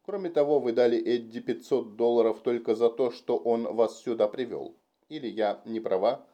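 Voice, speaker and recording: A man's voice: mid-range voice, normal speed, dark tone, dull audio, natural voice. A man voicing a frank, childlike nineteen-year-old girl who forges documents, in an audiobook reading.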